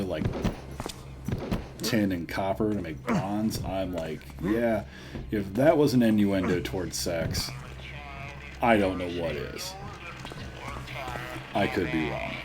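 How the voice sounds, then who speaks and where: A man's voice: low-pitched, very animated, measured pace, long pauses, over music. A man giving a casual, joking, self-deprecating video game walkthrough as a let's player. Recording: noisy, with game ambience behind. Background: game sounds.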